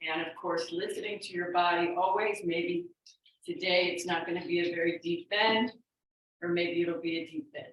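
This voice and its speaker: Female fitness instructor, lowish pitch, unhurried encouraging step-by-step cues, recorded off-mic. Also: fairly even intonation, a little hiss or hum. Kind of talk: exercise class instruction, cueing and counting moves. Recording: very echoey room, distant microphone.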